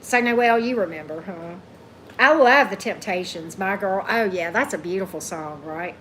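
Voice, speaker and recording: Greeting commenters by name, a woman hosting a tarot livestream talks casually and keeps asking "right?" at the end of her thoughts. She speaks at a moderate pace in a deep voice with a fairly bright tone, over a faint hiss of background noise.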